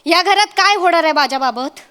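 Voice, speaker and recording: Sarcastic high-voiced woman in a comedy sketch. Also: expressive, a little fast. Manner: sharp-tongued, sarcastic, bickering. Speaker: daughter-in-law in a comedy sketch. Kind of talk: stage comedy sketch acting.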